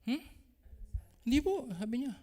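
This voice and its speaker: A man preaching a sermon as pastor, animated, swinging between loud exclamations and soft asides. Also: very high-pitched, measured pace. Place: church. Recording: church hall with long reverb.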